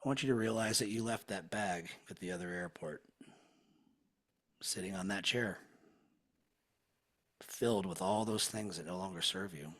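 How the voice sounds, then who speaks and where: Low, husky man guiding a hypnosis. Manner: slow, soothing, hushed. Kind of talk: guided hypnosis session.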